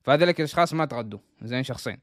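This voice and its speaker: A man's voice: mid-range voice, expressive, rapid-fire, a bit bright, no echo, studio quality. A man telling a story in a casual, chatty way, restarting sentences and dropping English words in.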